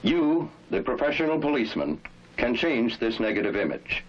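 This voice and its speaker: A man narrates a 1960s instructional film in an emphatic, authoritative, rhetorical style, his mid-range voice swinging widely in pitch at a moderate pace. The old film soundtrack is rough, with slight background noise and loud music.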